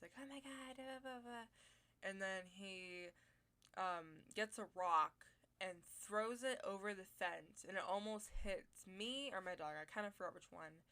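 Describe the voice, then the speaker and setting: A woman's voice: lowish voice, bright, forceful tone. A teenage girl telling a rambling personal story with many fillers, as a voice-over for a building video. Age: teens. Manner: rambling, many likes and you knows. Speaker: vlogger.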